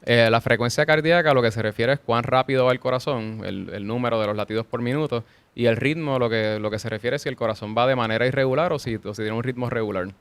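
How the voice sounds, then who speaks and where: Fast-talking doctor, man. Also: medium pitch, a bit bright, clean tone, no room sound. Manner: measured, explanatory, frequent small restarts. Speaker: cardiologist guest. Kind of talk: explanatory interview answers.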